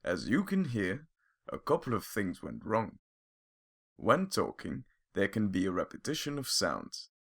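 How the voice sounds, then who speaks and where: A man narrates an animated explainer in a calm, clear, step-by-step way. His voice sits low and has a gravelly edge. His pitch moves in a lively way as he explains. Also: measured pace.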